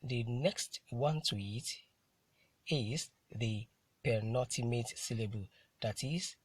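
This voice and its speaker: A male teacher gives a lecture at an unhurried, measured pace. His voice is a little husky and sounds close and dry. He repeats key words and poses questions to his class before answering them. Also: mid-range voice, dry recording. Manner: deliberate, repeats key terms and asks rhetorical questions. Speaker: English teacher.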